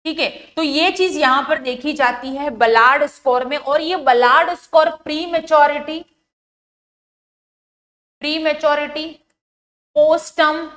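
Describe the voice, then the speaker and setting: A woman with a high voice and a Rajasthani Hindi accent teaches nursing exam questions. She explains each point step by step, stops often with fillers, and keeps asking the class to answer. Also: moderate pace, few pauses, fairly bright tone. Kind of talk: exam-prep lecture.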